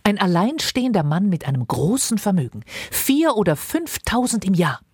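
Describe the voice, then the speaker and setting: A woman acts out a fussy, marriage-obsessed mother in an audiobook reading, insistent and gushing. Her voice climbs well above a low, slightly husky base. It swoops widely and sounds dry and close. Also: big pitch swings, normal speed, a little mellow, dry recording. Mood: eager, insistent. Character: fussy excitable middle-aged mother eager to marry off daughters. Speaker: reader.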